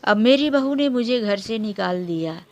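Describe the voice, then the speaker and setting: A woman's voice: mid-range voice, animated, moderate pace, no echo, lightly acted. A woman voicing a poor, humble housemaid who speaks plainly and earnestly in a storybook tale. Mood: plaintive. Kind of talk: storybook character voice.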